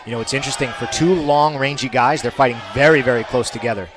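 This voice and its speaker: A man's voice: mid-range voice, fast talker, background noise. A man giving conversational color commentary and analysis on a live fight. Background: music.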